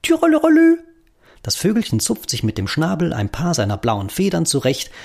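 A man reading a children's story in the first person, gentle and playful. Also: mid-range voice, very animated, brisk, creaky. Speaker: narrator. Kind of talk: storybook narration.

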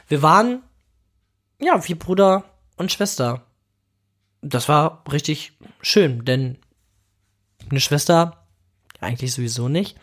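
A podcast host delivers a casual monologue in a voice on the high side. He is outspoken and emotional, swears freely, and occasionally drops in English exclamations.

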